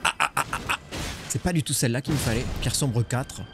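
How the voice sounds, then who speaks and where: A man with a French accent commenting casually on a game stream, excitable and swearing, joking with his chat. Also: mid-range voice, fairly quick, noisy background. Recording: music behind voice.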